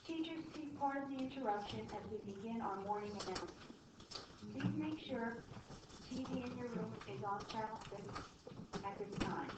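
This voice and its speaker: A woman giving polite, formal morning announcements over a school intercom loudspeaker. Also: fairly high pitch, moderate pace. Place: classroom with PA speaker. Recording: echoey distant loudspeaker, heavy noise.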